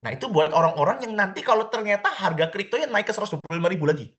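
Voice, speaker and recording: Man, crypto mentor, seminar talk, lively, acts out quotes, keeps calling out to the crowd. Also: high-pitched, racing. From Indonesia. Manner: lively, repetitive, keeps addressing listeners as friends; acts out quoted questions of traders.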